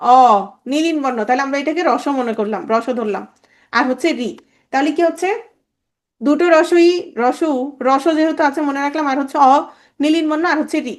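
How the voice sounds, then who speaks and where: A woman teaching a grammar lesson, drilling sounds over and over and quizzing her students with quick questions. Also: sits high. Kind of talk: grammar lecture.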